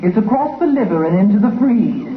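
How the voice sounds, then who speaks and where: A man playing a formal, easily flustered department-store announcer over a loudspeaker in 1950s radio comedy. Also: high voice, lively intonation, a little fast. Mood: formal announcing. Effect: echoing public-address loudspeaker. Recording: tinny, noisy, echoing, distant radio recording.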